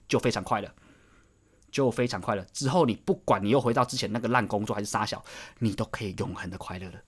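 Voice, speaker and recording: A man delivers a motivational talk straight to camera. His voice sits at an ordinary middle pitch. He preaches insistently, repeating his points and pressing the listener with question after question. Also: fairly bright tone. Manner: preachy, hammering rhetorical questions; repeats phrases for emphasis. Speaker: vlogger.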